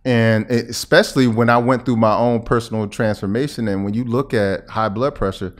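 A middle-aged American man, a podcast guest and health expert, talks fairly quickly with a medium-pitched voice and fairly even intonation. The conversational interview takes place at a table in a small indoor room, where he explains things into a boom-arm podcast microphone and checks the listener is with him.

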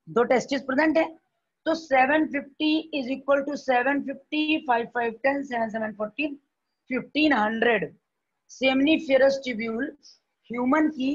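A woman's voice: sits high, breathy edge, muffled recording. A woman teacher with an Indian accent giving a classroom biology lecture, repeating points and checking that students follow.

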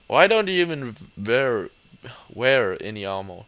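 A man's voice: mid-range voice, very animated, unhurried, fairly bright tone, no room sound. A young man playing along in a gaming video, chatting casually and cursing at monsters. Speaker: co-player.

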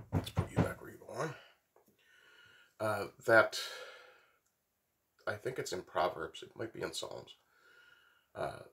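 A middle-aged man talks off the cuff in a fairly low voice. He is sick, and his nose is blocked, so he sounds stuffy and congested. His delivery is halting and rambling, with long pauses, as a vlogger speaking to camera. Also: fairly bright tone. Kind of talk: unscripted casual monologue to camera. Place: small wooden workshop, indoors.

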